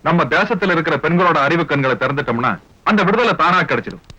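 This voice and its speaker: An actor playing a smooth-talking, scheming male villain who speaks in a condescending way. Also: fairly high pitch, lively intonation, fast, pushed and bright, no echo. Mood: pompous. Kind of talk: film dialogue. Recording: dull film soundtrack with music.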